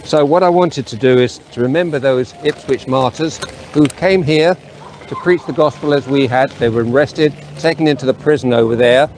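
A man's voice: mid-range voice, normal speed, darkish tone, slight background noise. An older man giving an earnest, solemn address to camera in an open town square, reading names from a sheet. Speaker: street preacher. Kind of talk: outdoor video address. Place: sunny town square outdoors. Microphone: camera at a few metres.

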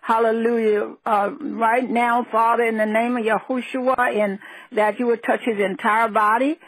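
A prayer line leader praying aloud over the phone in a steady way, with repeated hallelujahs. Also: mid-range voice, moderate pace, slight background noise, low-quality recording. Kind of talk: spontaneous spoken prayer.

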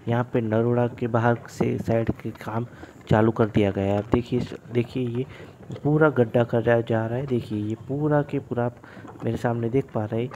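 A man's voice: mid-range voice, steady tone, normal speed. Chatty man vlogging from a train. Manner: chatty, often addresses viewers as friends. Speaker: railway travel vlogger. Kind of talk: casual vlog narration. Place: on a moving train and at a station. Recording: faint vehicle noise.

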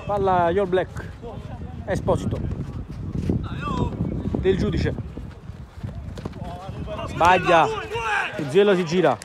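A man's voice: sits high, slow pace, pauses often, background noise. A man giving live amateur football commentary outdoors, in short clipped phrases naming the players. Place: outdoor floodlit football pitch at night.

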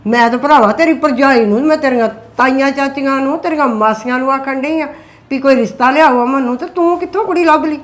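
An older, widowed mother, acted by a woman, softly pleading with her sons to stay together in this web drama. Her voice sits a little high for a woman. She talks in a gentle, motherly way. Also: a little fast, close to an everyday voice. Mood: alarmed. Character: widowed mother on pension, peacemaking, counsels sons. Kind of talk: scripted web drama acting.

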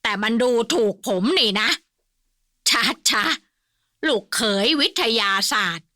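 A woman voicing a hot-tempered old male nobleman, gruff and indignant, shouting often. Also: medium pitch, huge pitch swings, drawn-out words, dry recording, studio quality, full character voice. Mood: furious.

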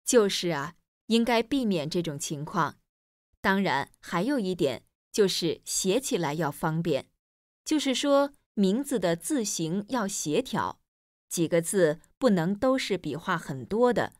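Female teacher for a textbook listening dialogue: lowish, animated voice, clear explanations, dry studio sound. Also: a little slow, dry recording. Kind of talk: scripted listening-exercise dialogue.

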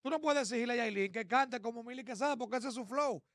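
A man on a morning radio panel, his pitch high for a man. He argues his opinion with conviction. The sound is dry and close-miked. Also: quick pace, a bit bright, dry recording. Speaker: radio co-host. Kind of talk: casual morning radio chat.

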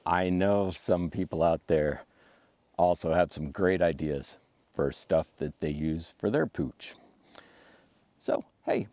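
A man's voice: sits low, a little mellow, dry recording. A man in his thirties giving casual, laid-back camping tips outdoors at a wooded campsite. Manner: laid-back, chatty, talks to his dog. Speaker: overlanding vlogger. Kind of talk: casual how-to vlog.

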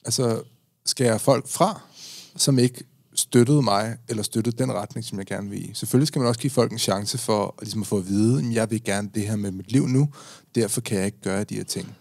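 Guy hosting a podcast, lowish voice, asks stuff earnestly, dry sound. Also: creaky, darkish tone, no echo. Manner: earnest questioning, casual phrasing. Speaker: podcast host. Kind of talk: casual podcast conversation.

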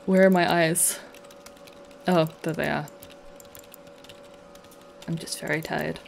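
A woman's voice: deep voice, fairly even intonation, takes it slowly, vocal fry, slight background noise. A young woman chatting and giggling as she plays a farming game, with light jokes to her viewers. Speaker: gaming video host. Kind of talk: casual let's play commentary. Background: background game music.

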